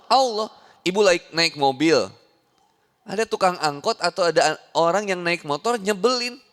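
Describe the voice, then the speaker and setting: A fairly high-voiced male preacher with a Sundanese accent, giving a lively sermon in a big hall. His voice rings out with a long reverb. He jokes and acts out small scenes along the way. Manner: animated, jokey, acts out little scenes in different voices. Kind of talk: lively sermon to a women's audience.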